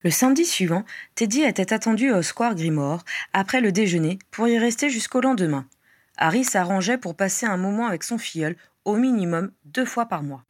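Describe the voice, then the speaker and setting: A woman narrating a fan-written novel in a measured, expressive storytelling voice. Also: mid-range voice, no room sound. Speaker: audiobook reader. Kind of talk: scripted narration.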